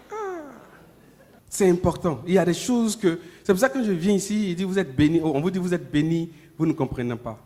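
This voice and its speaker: A man preaching a sermon, talking conversationally with the congregation, repeating himself, and moving between loud emphatic peaks and low murmured asides. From Ivory Coast.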